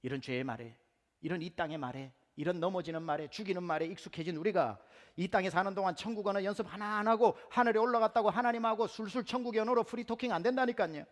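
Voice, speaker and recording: A man's voice: sits high, fast. A male pastor from Gyeongsang province delivering a humorous, story-filled sermon in a church. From Gyeongsang province, Korea. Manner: animated storytelling with humor, acts out quotes. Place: church sanctuary. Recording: reverberant church hall.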